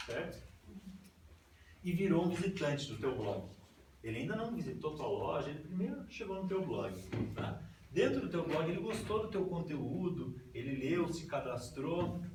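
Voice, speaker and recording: A Brazilian man presents to a group, explaining step by step and often checking in with "tá?". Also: a little high. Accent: Brazilian Portuguese. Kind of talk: informal talk with slides. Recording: echoey room, far mic, noisy.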